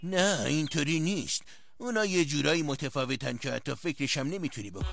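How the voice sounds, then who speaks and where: A man's voice: a little high, lively intonation, vocal fry, a bit bright, no echo. An actor playing an old, anxious troll king in a cartoon film dub, speaking in a grave, warning tone. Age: older. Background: music.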